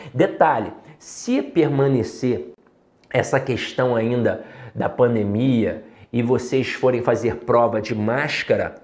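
An upbeat, direct Brazilian man with a higher voice teaches Portuguese in an exam-prep video lesson. He speaks in Brazilian Portuguese and addresses students straight on with lively rhetorical questions, recorded in a roomy, echoey space.

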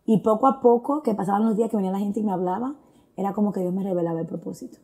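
Her medium-pitched voice is mellow and creaky, her tone steady even as she races along. This female guest gives an earnest, reflective testimony of faith, speaking Spanish sprinkled with English phrases and leaning often on fillers.

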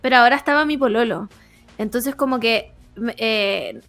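A woman's voice: a little high, moderate pace, fairly bright tone, faint music behind. A young woman with a Chilean accent, co-hosting a casual chat and telling a story with lots of slang and laughter. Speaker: podcast co-host. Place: home room.

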